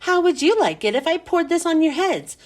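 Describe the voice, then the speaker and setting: A woman's voice: very high voice, lively intonation, moderate pace, pitched above the performer's own voice. A woman reading a children's book aloud, voicing a snappish, unhinged female schoolteacher with a barking, scolding delivery. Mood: menacing. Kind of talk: storybook read-aloud.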